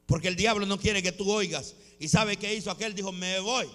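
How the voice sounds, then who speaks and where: A male pastor preaching a sermon, rising to shouts and acting out quotes from his congregation and from scripture. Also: sits high, fairly quick, big-room sound. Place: church sanctuary.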